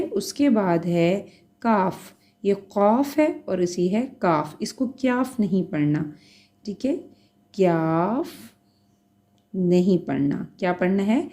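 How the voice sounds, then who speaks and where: A woman's voice: mid-range voice, expressive, moderate pace, mellow. A woman teacher giving a patient beginner lesson, naming letters one at a time and checking in often. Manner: spells out letters one by one, checks in with "theek hai". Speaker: Urdu teacher.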